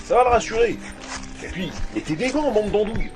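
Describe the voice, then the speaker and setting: Casting: man as bossy, excitable fantasy adventurer, high voice, emphatic slangy delivery, music behind. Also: fairly quick. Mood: bossy, impatient. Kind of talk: French fantasy audio saga acting. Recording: music under the voice.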